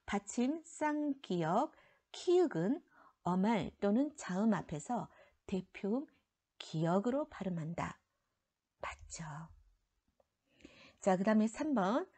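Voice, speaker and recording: A woman's voice: medium pitch, big pitch swings, slow pace, pauses often, mellow. A woman teaching a middle school grammar lesson, explaining rules step by step and trailing off into a near whisper at the ends of some phrases. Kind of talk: recorded classroom lecture.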